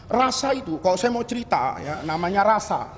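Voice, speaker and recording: A man preaching a mosque sermon, lively and teasing as he speaks straight to his listeners. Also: sits high, a little fast, slight background noise. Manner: lively, teasing, addresses audience directly. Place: large mosque hall. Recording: long hall reverb.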